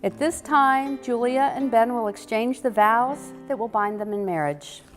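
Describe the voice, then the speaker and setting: A woman's voice: a little high, a little slow. A woman wedding officiant giving a scripted ceremony address. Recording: echoey hall, music behind.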